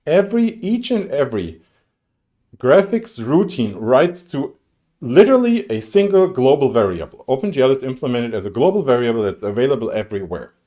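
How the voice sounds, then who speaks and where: Lively conversational male lecturer. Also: mid-range voice, moderate pace. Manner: conversational, lots of fillers and self-corrections, dry sarcasm. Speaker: university lecturer. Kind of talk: recorded lecture on graphics programming. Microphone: streamed lecture mic.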